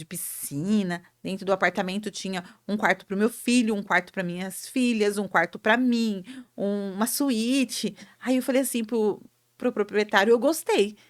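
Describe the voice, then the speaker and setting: A woman with a Brazilian Portuguese accent hosting a show, telling a personal story in an animated, emotive way. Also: mid-range voice. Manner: animated, emotive, acts out quotes. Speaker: host.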